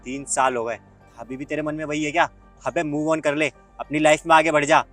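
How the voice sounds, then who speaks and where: A man's voice: fairly high pitch, level tone, brisk, fairly bright tone, soft background music, lightly acted. A man playing a sneering arrogant rich guy. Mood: taunting. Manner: sneering, boastful, insulting. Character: arrogant rich young man taunting his ex. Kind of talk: Hindi web skit acting.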